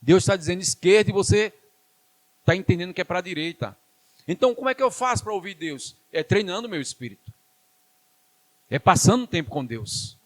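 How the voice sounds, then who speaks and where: A man's voice: sits high, lively intonation, brisk, long pauses, no echo. A man with a Brazilian Portuguese accent preaching a sermon in church, emphatic and repetitive, calling the congregation to answer back. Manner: emphatic call-and-response preaching, repeating phrases.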